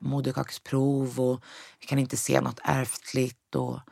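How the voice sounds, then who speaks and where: Young woman with a gravelly voice. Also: rumbling low, monotone, dark tone, no room sound, clean studio sound. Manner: retells events with quoted dialogue, mixes in English words. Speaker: guest. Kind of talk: personal storytelling in conversation.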